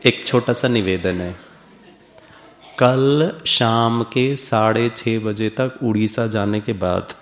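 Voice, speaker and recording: A man's voice: fairly low pitch, slow pace, slight background noise. A man giving a playful spiritual lecture to a live audience, coaxing them through a smiling exercise. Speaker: spiritual speaker.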